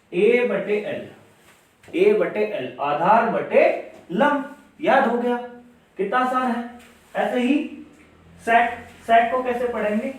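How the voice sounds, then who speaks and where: A male maths teacher giving a classroom lesson, patiently repeating each step and asking questions aloud. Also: sits high. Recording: very echoey room, mic far away.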